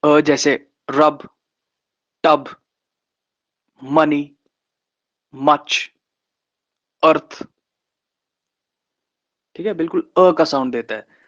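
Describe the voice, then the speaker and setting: A man teaching shorthand in an online class, slowly repeating vowel sounds and example words. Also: a little high, a bit bright. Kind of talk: online lesson. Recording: slightly dull, lo-fi sound.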